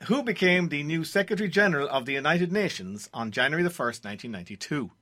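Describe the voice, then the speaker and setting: Lively bright-voiced Irish male quiz host. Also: on the high side, fast. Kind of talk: radio trivia quiz presenting. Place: radio studio.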